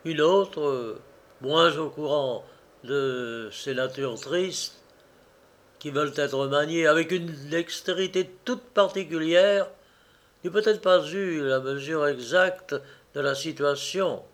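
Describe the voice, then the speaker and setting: Slow, measured male audiobook narrator. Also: on the high side. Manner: slow, measured, expressive reading. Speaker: audiobook reader. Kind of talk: scripted narration of a classic novel.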